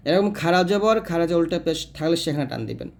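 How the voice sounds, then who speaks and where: Male recitation teacher with a slightly high voice, methodical, spelling letter by letter, then chanting slowly. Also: expressive, creaky. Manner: spells out letters and vowel marks one by one; quick explanations broken by slow drawn-out recitation. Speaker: Quran reading teacher. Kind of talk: step-by-step recitation lesson.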